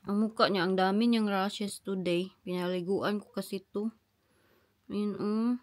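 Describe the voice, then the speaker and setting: A woman's voice: steady tone, unhurried. A mother, chatting casually at home in a vlog and cooing baby talk to her infant. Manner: drops to soft, low-key talk when explaining. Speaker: mother vlogging family life.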